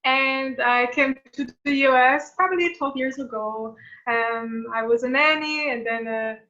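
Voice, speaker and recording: Bright-voiced woman, hesitant. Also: sits high, a little slow, muffled recording. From Croatia. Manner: hesitant, many fillers and restarts. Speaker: guest entrepreneur. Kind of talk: casual interview conversation.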